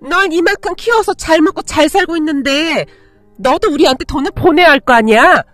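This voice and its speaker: A woman voicing a harsh, greedy, superstitious middle-aged mother who shouts and scolds. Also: sits high, a little fast, no echo, soft background music, voice pushed up, close to an everyday voice. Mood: shrill scolding.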